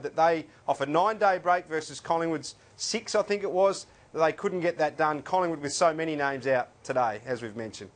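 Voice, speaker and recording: A man with an Australian accent hosting a football show, brisk and lightly joking. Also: a little high. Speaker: sports show host. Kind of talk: casual sports chat.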